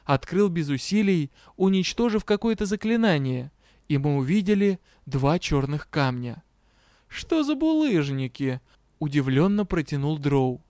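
A man's voice: fairly high pitch, moderate pace, dry recording. Man narrating an audiobook, dry sound. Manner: steady storytelling read. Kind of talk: scripted narration.

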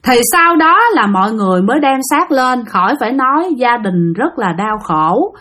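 A woman's voice: fairly high pitch, sing-song, normal speed, pushed and bright. A woman with a Southern Vietnamese accent telling a ghost story in a chatty, conversational way, often trailing her phrases.

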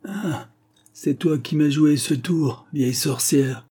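A man playing a gruff, deaf old grandfather. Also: mid-range voice, lively intonation, measured pace, dark tone. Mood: angry.

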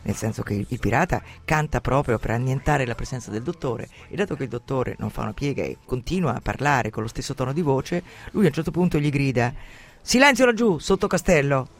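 A man hosting a radio program on literature, retelling and commenting on an adventure novel in a lively, dramatic way. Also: mid-range voice, fast, gravelly, few pauses. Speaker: radio host presenting a novel.

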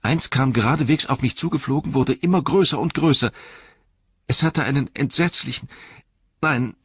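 A man voicing a frightened young male hobbit who stammers and pleads in a shrill voice. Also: moderate pace, a bit bright, slightly rough, no room sound, lo-fi sound. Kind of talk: audiobook character voice.

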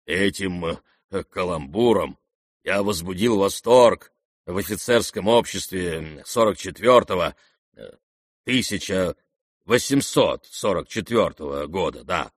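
A man's voice: sits low, slow pace, no echo, clean studio sound. A man voicing an old disgraced general in an audiobook, rambling and sentimental, given to theatrical outbursts. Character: old drunken disgraced male general, maudlin and boastful. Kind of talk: audiobook character reading.

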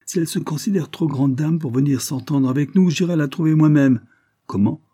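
A man voicing a coarse, greedy creditor who rants and shouts accusations. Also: lowish voice, fairly quick, natural voice. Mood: furious. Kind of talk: audiobook character voice.

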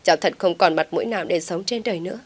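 A melodramatic young village woman wails and pleads in a rush, tearful and scheming underneath, as a female storyteller puts her on. The voice sits a touch low. It is an audiobook drama read by one voice. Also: close to an everyday voice. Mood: tearful pleading. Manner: sobbing, pleading fast.

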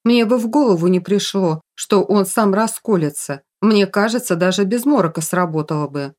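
A woman's voice: mid-range voice, lively intonation, normal speed, a little mellow, close to an everyday voice. Woman doing an awkward young guy. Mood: sheepish. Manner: mumbling and sheepish. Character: awkward, kind young man.

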